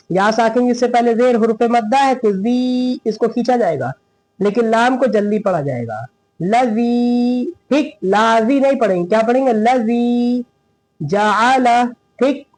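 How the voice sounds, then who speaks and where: High-voiced man teaching Quran recitation. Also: a little mellow, low-quality recording. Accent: Indian Hindi-Urdu. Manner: patient, asks questions and answers them himself; slow, drawn-out recitation of verses. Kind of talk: recitation lesson.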